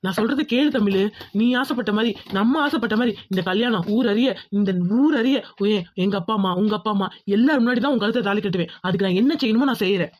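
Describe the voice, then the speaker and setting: A woman voicing a fast-talking young village groom. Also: fairly high pitch, a little mellow, lightly acted. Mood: reassuring. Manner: soothing, firm, insistent. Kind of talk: cartoon voice acting.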